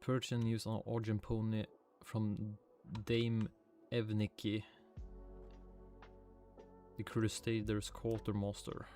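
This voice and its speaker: Speaking slowly in a fairly low, a little mellow voice with completely flat delivery, this Swedish man streams a game and chats casually in his Swedish accent. He mutters to himself, swears lightly, and responds to chat while faint music and keyboard clicks play behind him.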